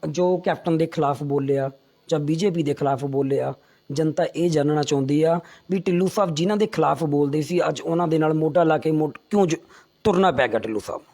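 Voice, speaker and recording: Male interviewer, high voice, calm but pressing. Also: fairly quick. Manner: pressing, calm, polite questioning. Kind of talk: political interview.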